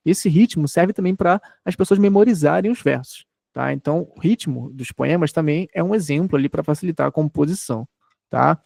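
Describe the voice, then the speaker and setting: A man's voice: a little high, fairly quick, vocal fry, a little mellow, no room sound. A man in his thirties from Brazil, giving an online lecture, explaining patiently and checking in often with his students. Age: 30s. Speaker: teacher.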